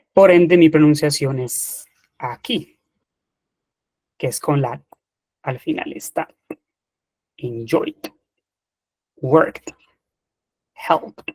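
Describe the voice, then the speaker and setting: A man explains English past-tense rules to an online class at an unhurried, deliberate pace. He is methodical and patient, checking in often, and his voice sounds close and dry with no room echo. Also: medium pitch, a little mellow. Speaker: English teacher. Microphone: computer mic in online seminar.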